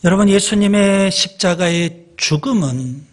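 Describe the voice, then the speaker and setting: A male pastor delivers a sermon in a church. His voice sits a little high for a man and carries a husky, slightly breathy grain. He speaks slowly and deliberately, with pauses for emphasis, and turns often to the congregation.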